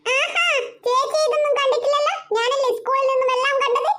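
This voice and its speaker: Brief: woman as a tearful, stubborn cartoon schoolgirl, very high and whiny. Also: steady tone, brisk, fairly bright tone. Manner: whiny, sobbing. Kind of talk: cartoon voice acting.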